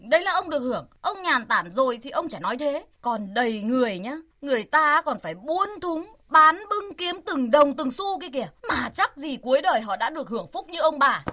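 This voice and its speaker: A brisk teasing village woman. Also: high-pitched, sing-song, bright, forceful tone, full character voice. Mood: arguing. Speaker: actor. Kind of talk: radio drama acting.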